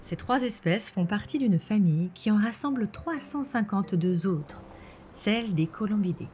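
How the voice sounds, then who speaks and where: A woman reading scripted nature documentary narration in a measured, explanatory way. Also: medium pitch, expressive, darkish tone. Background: background music.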